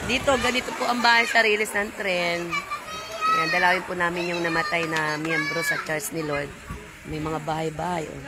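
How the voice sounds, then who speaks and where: A woman's voice: fairly low pitch, steady tone, normal speed, very noisy. A woman from a church live-streaming on her phone as she walks outdoors beside railway tracks, chatting and greeting viewers and passers-by. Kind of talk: casual live-stream chat. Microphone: phone held while walking.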